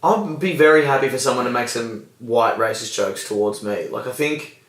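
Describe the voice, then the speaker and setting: A man's voice: medium pitch, moderate pace, a bit bright. Man telling a story, echoey. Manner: sweary, chatty storyteller. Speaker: podcast co-host. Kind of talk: casual chat, storytelling. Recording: echoey lo-fi podcast audio.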